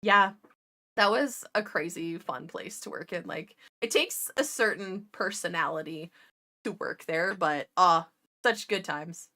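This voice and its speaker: A woman's voice: lowish voice, measured pace, bright, forceful tone. A woman who used to be an ICU nurse, telling stories in a chatty, profane way while painting miniatures. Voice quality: chatty, profane, laughs often.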